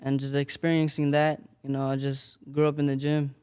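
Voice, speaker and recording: A man's voice: a little high, monotone, brisk, darkish tone, clear, resonant tone. A young man from Las Vegas, giving modest, filler-laden answers as a boxer in an interview. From Las Vegas, Nevada. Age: young adult. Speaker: boxer guest.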